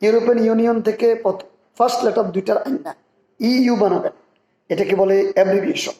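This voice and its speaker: A man's voice: high voice, fast talker, gravelly, mellow. A man explaining English grammar rules step by step, reading example sentences aloud and repeating key terms. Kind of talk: explanatory lesson. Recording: echoey room.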